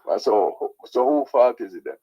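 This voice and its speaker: A man with a Jamaican accent and a husky voice, ranting as a caller to a radio show, insistently repeating his points with tag questions. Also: medium pitch, sing-song, normal speed. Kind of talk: opinionated radio call-in rant. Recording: dull lo-fi sound.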